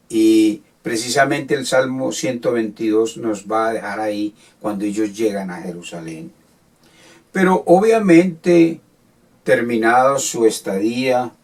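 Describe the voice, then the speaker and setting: A man teaching a Bible study sermon in Latin American Spanish, reading and explaining scripture in a measured way. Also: on the low side, slightly rough. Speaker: preacher. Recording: voice from far off the mic.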